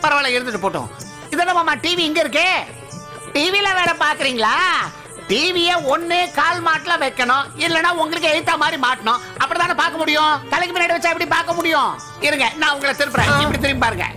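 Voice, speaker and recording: A woman's voice: high-pitched, quick pace, sharp tone, faint music behind. A woman dubbing a chatty young woman in a film, talking in a teasing, fussing way over a film score.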